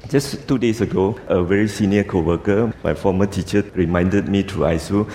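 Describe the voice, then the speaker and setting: A man's voice: low-pitched, moderate pace, warm tone. A man with a Malaysian accent preaching a sermon in English in an informal way, tagging sentences with little colloquial particles. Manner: informal, with 'you see' and 'lah' tags. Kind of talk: sermon in English at a church camp. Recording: echoey hall, noisy room sound.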